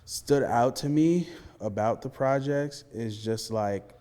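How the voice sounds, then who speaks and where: A male interviewer speaks easily at a mid pitch, stringing his questions together with casual fillers. His voice carries a long, roomy reverb. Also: slow. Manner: relaxed, many "you know" fillers.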